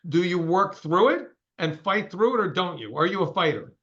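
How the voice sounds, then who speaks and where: A man's voice: high-pitched, lively intonation, normal speed, fairly bright tone, muffled recording. A man in his sixties, a company CEO, giving a straight-talking, emphatic interview over a call. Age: 60s.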